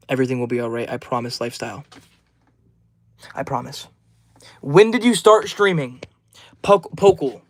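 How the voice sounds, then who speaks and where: With a mid-range voice and no echo, this twenty-year-old livestreamer calls out names from the chat. He responds to each message in a friendly, upbeat manner.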